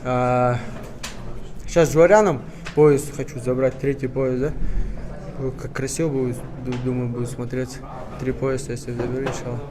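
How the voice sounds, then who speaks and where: A man from Kyrgyzstan, a fighter giving casual interview answers just after a bout, winded and coughing a little, in halting phrases. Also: medium pitch, level tone. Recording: busy crowd noise behind. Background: crowd at a fight event.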